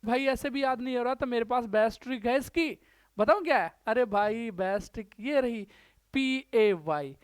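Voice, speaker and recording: A man's voice: extremely high pitch, moderate pace, smooth, dry recording. A man from India with a Rajasthani Hindi accent, teaching English grammar in a classroom-style lecture. He drills verb forms by saying them over and over and talks to his students as brother. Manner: drills word forms aloud by repetition; chatty, addresses students as brother.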